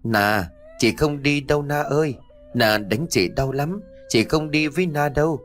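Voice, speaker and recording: A man's voice: on the high side, unhurried, faint music behind, voice pushed up, natural voice. A man doing a crying frightened little girl. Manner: whimpering, tearful.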